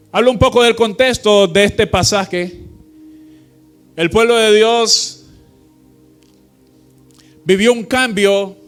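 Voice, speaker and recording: A man's voice: high-pitched, fairly bright tone. A man preaching a sermon as pastor, reading scripture aloud and quizzing the congregation with call-and-response questions. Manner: slow, emphatic reading with drawn-out phrases.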